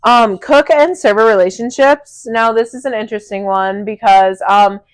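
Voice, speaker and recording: A woman's voice: a little high, moderate pace, clear, resonant tone, dry recording. A woman co-hosting a casual podcast chat, talking bluntly about work and swearing freely. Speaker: podcast co-host.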